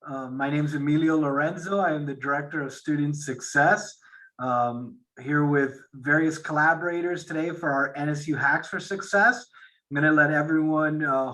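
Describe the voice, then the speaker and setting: Male workshop host, upbeat and chatty, bright, forceful voice, a little high. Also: low-quality recording. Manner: enthusiastic, with frequent fillers. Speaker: host, director of student success.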